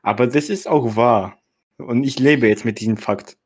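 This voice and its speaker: A man's voice: medium pitch, normal speed, darkish tone. A young man co-hosting a casual podcast, talking in a self-mocking, slangy way with English words mixed in. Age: teenager or young adult. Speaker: podcast co-host.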